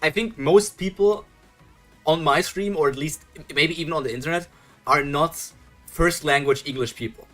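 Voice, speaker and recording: At a normal speed, a young German streamer with a German accent talks in a slightly high, somewhat bright voice as faint music plays. Reacting live to a webtoon, he chats casually, thinks out loud, starts over, chuckles, and answers his viewers.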